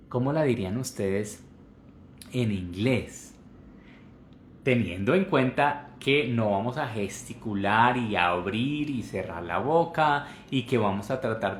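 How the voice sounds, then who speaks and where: A man's voice: medium pitch, echoey room, slight background noise. A man teaching English pronunciation in a live online class, explaining and repeating words over and over to demonstrate the sounds.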